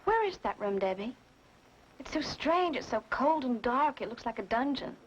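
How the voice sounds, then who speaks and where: A woman's voice: on the high side, big pitch swings, normal speed. An actress playing a shaken, inquisitive young woman in a 1970s TV horror mystery, on a dull, noisy soundtrack. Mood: probing, uneasy.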